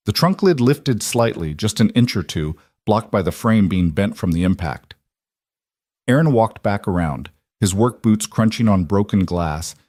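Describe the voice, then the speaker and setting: A man narrating a scripted story in an even, measured way. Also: lowish voice, dry recording, studio quality.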